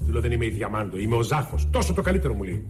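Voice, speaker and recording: An actor playing an opportunistic middle-aged man who rants theatrically like a TV presenter, rising to shouts. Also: medium pitch, very animated, lightly acted. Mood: ranting. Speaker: TV series character. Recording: TV clip with music behind.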